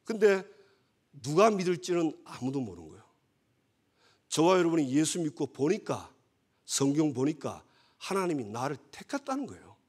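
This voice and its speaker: Husky man preaching. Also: a little high, sing-song, moderate pace, pauses often, darkish tone. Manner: conversational, asks the congregation for agreement. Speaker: pastor. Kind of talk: sermon.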